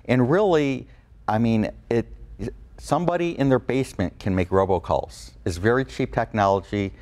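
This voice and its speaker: A man's voice: mid-range voice, normal speed, a little mellow. A man speaking as an attorney guest in an interview, explaining things informally in plain words, repeating for emphasis.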